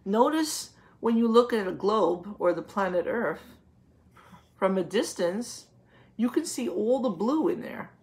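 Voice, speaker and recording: With a mid-range, expressive voice and a somewhat dark tone, a woman teacher reads a picture book to young children. She explains as she reads and stops to ask questions and confirm answers.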